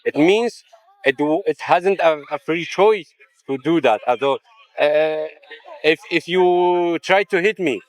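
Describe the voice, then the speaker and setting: A man's voice: a little high, takes it slowly, rough recording. A man who is not a native English speaker, with a foreign accent, debating casually and searching for words. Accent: non-native English. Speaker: debater in a street interview.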